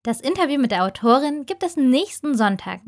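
Steady-voiced woman reading aloud. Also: high-pitched, fairly quick. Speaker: book podcast host. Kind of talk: audiobook reading and podcast outro.

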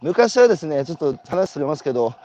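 Strolling outdoors as host of a walking interview, a man from Iwate speaks Japanese with a Tohoku accent, spinning animated stories full of rhetorical questions. His voice is on the high side and he talks fast; the recording is dry and muffled.

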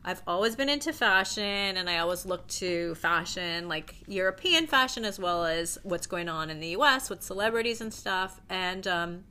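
A woman in her forties from Toronto, Canada, speaks on the low side at a normal speed, with hardly any pauses. She is a fashion stylist appearing as an interview guest, relaxed and chatty, her talk peppered with "like" and easy laughter.

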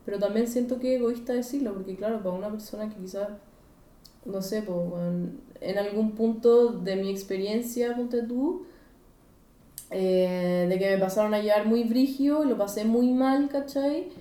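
A woman's voice: medium pitch, normal speed, dark tone, echoey room, distant mic. Chilean woman, slangy and thoughtful. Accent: Chilean Spanish. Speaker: podcast guest. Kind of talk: casual chat.

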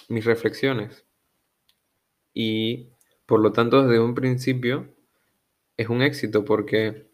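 A young man from Venezuela, about to turn twenty, hosting his own podcast in a slow, hesitant solo monologue, often restarting as he searches for words. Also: medium pitch, gravelly. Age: young adult. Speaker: podcast host.

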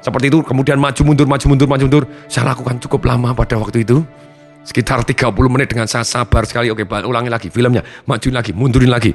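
A man who trains people in trauma therapy, telling a seminar audience about a patient's case in an animated way, acting out voices and counting aloud. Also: medium pitch, rapid-fire, faint music behind. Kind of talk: storytelling seminar talk.

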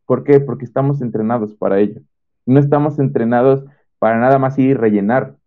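A young man with a Mexican accent tells of his own schooling in a casual, animated way and acts out the dialogue he recalls. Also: medium pitch, fairly quick. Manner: animated storyteller who acts out quoted dialogue. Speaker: homeschooled former student sharing experience. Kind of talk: casual testimonial talk. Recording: tinny phone-like sound.

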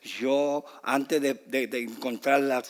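A man from Rico, preaching a fervent sermon that swings between soft asides and loud bursts, with English fillers mixed in. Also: mid-range voice, steady tone, takes it slowly. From Puerto Rico. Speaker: pastor. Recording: long hall reverb.

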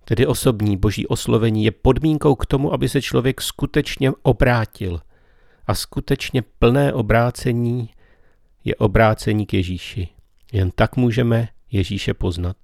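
A man gives a slow, meditative spiritual talk as a preacher. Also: medium pitch, vocal fry, a little mellow, dry recording, clean studio sound.

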